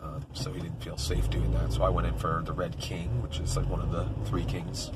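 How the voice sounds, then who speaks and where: A man speaks in a low, gravelly voice, his throat raw and congested. He talks casually, as in a personal diary. Heavy vehicle and outdoor noise surrounds him. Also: level tone, moderate pace, distant mic. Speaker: vlogger and stage performer. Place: in a car. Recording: noisy car and street ambience.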